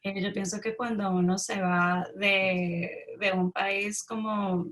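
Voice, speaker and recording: A woman's voice: mid-range voice, steady tone, slow, a bit bright, a little hiss or hum. A woman from Colombia with a Bogotá accent, answering interview questions thoughtfully, with hesitant restarts. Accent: Bogotá Colombian Spanish. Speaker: writer guest.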